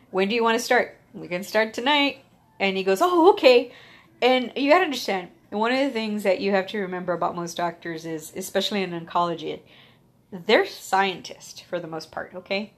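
A young adult woman candidly telling her own story, swearing freely, laughing at it, and acting out quoted lines with big jumps in pitch. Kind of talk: personal storytelling monologue.

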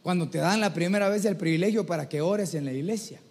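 A man's voice: sits high, fast talker, darkish tone. A man preaching a sermon, telling stories animatedly and often calling listeners brother. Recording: long hall reverb.

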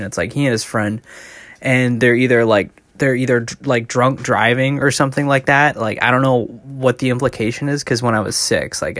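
A man's voice: mid-range voice, no room sound. Rambling man with a dry, close sound. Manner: rambling, heavy use of filler "like". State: out of breath. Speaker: podcast host. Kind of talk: casual rambling monologue.

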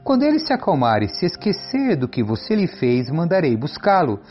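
Guy reading a worried mom warning her son, urgent and earnest, lively pitch, faint music. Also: brisk, highs cut off.

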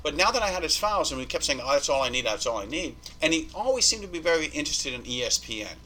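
A man's voice: fairly high pitch, fast talker, a little hiss or hum, low-quality recording. A man telling a story as a podcast guest in casual, profane talk, acting out the people he quotes. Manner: animated, profane, acts out quoted dialogue.

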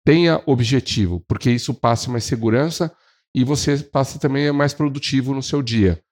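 A Brazilian man talks through sales advice as a podcast co-host. He is lively and expressive, speeding up and slowing down and acting out what clients say, with a voice of ordinary middle pitch for a man. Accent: Brazilian Portuguese. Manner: animated, shifts pace and acts out clients. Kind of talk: casual advice talk on sales.

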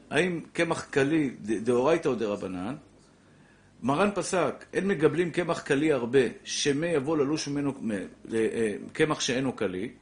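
Man teaching a class, lively and animated, somewhat high voice, repeats points, acts out examples. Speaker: Torah teacher. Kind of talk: lively classroom halacha lesson.

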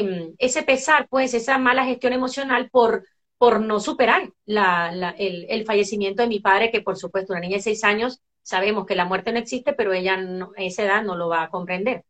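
A middle-aged Venezuelan woman talks as a guest in a relaxed interview, her voice sitting a little high. She tells her stories with animation, circling back through fillers and restarts as she goes. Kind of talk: casual conversational interview.

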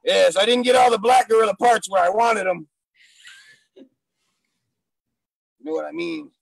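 A man puts on a gruff male gorilla stand-up comic with a gravelly, rough voice. He talks in broken English, bragging and silly, with loud bursts on the jokes. The sound is close and dry. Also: sits high, moderate pace, no echo, poor audio. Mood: boastful. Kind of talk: improvised comedy character interview.

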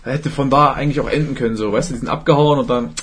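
A man's voice: medium pitch, fairly even intonation, very fast, slightly rough. A young man hosting a podcast in casual, slangy chat, laughing often. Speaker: podcast host.

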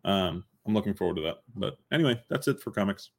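A man co-hosts a casual podcast in a relaxed, hesitant way, pausing on fillers and slipping in dry jokes. His voice sits low for a man. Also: gravelly. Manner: laid-back, hesitant, many "um"s, dry humor. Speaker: podcast co-host covering comics. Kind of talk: casual chat.

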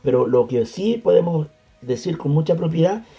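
Dark gravelly man preaching on radio. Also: fairly high pitch, expressive, normal speed, soft background music. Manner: preachy, emphatic, addresses listeners. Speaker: radio host.

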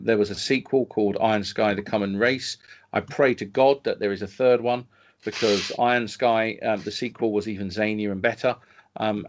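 A man co-hosting a film podcast, talking casually and enthusiastically, often restarting his sentences. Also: lowish voice. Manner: enthusiastic, stumbling over restarts. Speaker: podcast co-host reviewing films. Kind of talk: casual chat.

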